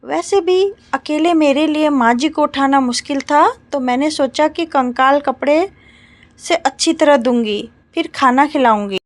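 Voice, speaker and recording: Storybook role: worn-out housemaid with a grievance, read by a woman in a high voice. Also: a little slow. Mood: aggrieved. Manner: complaining, aggrieved. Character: weary housemaid complaining about her work.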